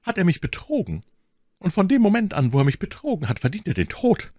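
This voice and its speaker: A cold, scheming noblewoman, as a male narrator puts her on, speaking in a cutting, mocking falsetto that leaps and swoops far above his usual register. The reading sounds close and dry. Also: huge pitch swings, brisk, warm tone, breathy edge, no echo, full character voice. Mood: cold, scornful.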